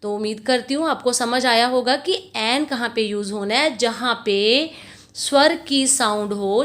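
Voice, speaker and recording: A woman teacher with a Punjabi accent, explaining grammar slowly and patiently. She keeps asking her pupils questions and answering them herself, and she stretches out each example word sound by sound. Her voice sits a little high. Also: a bit bright. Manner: patient, calls students "beta", asks and answers her own questions; drawn-out, syllable-by-syllable spelling of example words. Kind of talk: classroom grammar lesson.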